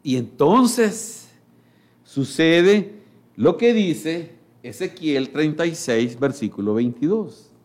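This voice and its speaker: A pastor preaching a sermon slowly and emphatically, with pauses, reading scripture aloud. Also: male voice, on the high side, animated, a little mellow.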